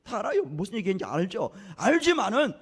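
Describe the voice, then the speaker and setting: High-voiced, lively male preacher. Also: brisk, husky. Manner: dramatic storytelling with rhetorical questions to the congregation. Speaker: pastor. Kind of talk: sermon. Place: church sanctuary. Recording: reverberant church sanctuary.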